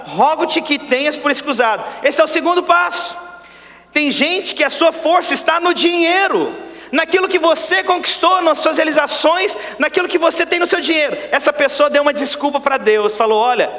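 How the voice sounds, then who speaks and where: A male pastor preaching a sermon, swinging between loud exclamations and hushed asides. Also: very high voice. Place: church sanctuary. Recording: long church-hall reverb.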